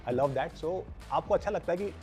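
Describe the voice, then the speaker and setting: A male cricket panelist speaks at a measured pace in a slightly raised pitch. Faint studio music sits underneath his voice. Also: a little mellow.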